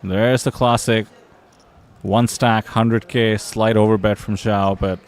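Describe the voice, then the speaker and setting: A man commentating a live poker tournament in a lowish voice. He walks through each bet in an easygoing, explanatory way, calling the action as it happens. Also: steady tone, slow pace.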